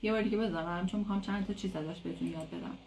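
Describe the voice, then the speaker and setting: Woman, English teacher, native Persian speaker, casual lesson, chatty, slow careful English examples. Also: mid-range voice, darkish tone, slight background noise. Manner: explains chattily, repeats English phrases slowly and clearly. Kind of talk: casual online language lesson.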